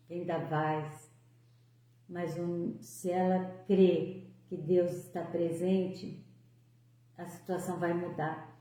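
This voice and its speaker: Echoey, mellow-voiced woman in her sixties. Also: fairly low pitch. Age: 60s. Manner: emotional, fervent, rising on praise. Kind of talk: devotional talk and prayer. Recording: very echoey room.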